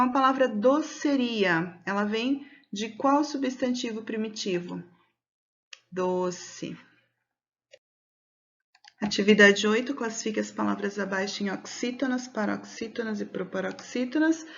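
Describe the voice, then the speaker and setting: A Brazilian woman teaching a recorded lesson for children, explaining patiently step by step and slowly stretching out words to mark the stressed syllable. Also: on the high side, dull audio. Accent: Brazilian Portuguese. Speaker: schoolteacher.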